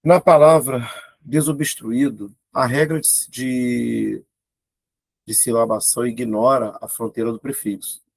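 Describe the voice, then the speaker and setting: Gravelly male teacher. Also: mid-range voice, steady tone, a little slow, a little mellow, no echo. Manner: informal, thinks aloud, exclaims at tricky items. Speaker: Portuguese teacher. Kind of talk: exam-prep grammar lesson.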